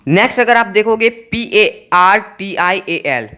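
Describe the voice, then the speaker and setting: A man's voice: high voice, expressive, measured pace, pushed and bright, clean tone. A man teaching English pronunciation to students, spelling out words letter by letter and repeating each point. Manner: repetitive, spells out letters one by one.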